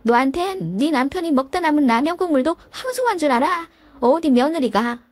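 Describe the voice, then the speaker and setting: A woman's voice: high voice, lively intonation, brisk, no room sound, pitched above the performer's own voice. Woman doing a scolding older mother-in-law. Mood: scornful. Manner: scornful, berating.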